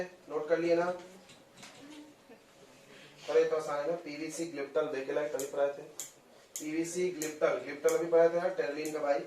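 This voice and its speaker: A man's voice: fairly high pitch, a little hiss or hum. Chemistry teacher man in an echoey room. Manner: coaxing, drills students with questions. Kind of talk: classroom lecture. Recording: roomy echo, voice from a distance.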